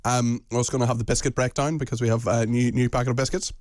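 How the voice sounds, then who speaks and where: A man's voice: medium pitch, flat delivery, rapid-fire, darkish tone. A young British man hosts breakfast radio from a studio. He talks in a chatty, playful way, often restarting his sentences mid-thought. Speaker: radio presenter.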